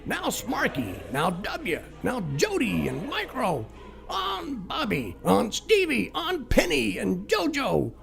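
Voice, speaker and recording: A man voicing a crusty, drunken old pirate saint who talks in a gruff, bellowing pirate manner, over music. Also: very high-pitched, wildly swooping pitch, takes it slowly, a bit bright, pitched above the performer's own voice, exaggerated voice. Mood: bellowing orders.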